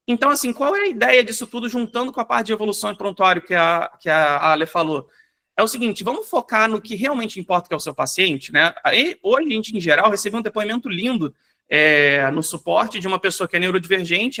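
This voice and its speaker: Fast, bright-voiced Brazilian man presenting. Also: sits high. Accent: Brazilian Portuguese. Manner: energetic, rapid, fills with "né?" and "gente". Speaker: software company founder presenting. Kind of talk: live online workshop demo. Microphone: video call.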